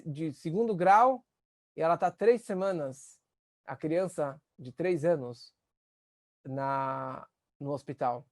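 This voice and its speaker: A man, a rabbi teaching a class on empathy, earnest, and acting out the voices he quotes with sudden rises in pitch. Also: a little mellow, dry recording, clean studio sound. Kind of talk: spoken lesson on empathy.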